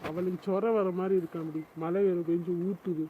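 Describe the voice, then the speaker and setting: A man voicing an easygoing, indulgent father in a cartoon, speaking calmly and taking his daughter's side. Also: high voice, a little fast, narrow, tinny audio, slight background noise, natural voice.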